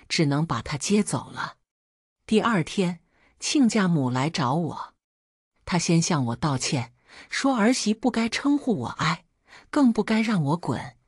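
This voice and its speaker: A woman telling a family story in the first person, in a steady, aggrieved narrating voice. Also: sits low, breathy edge, no echo, clean studio sound.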